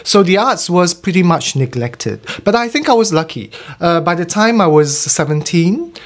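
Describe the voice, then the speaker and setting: A man's voice: high voice, sing-song, normal speed. Hesitant Singaporean man, reflective guest. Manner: hesitant, many fillers and restarts, reflective. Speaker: arts festival curator. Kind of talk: radio interview. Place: radio studio.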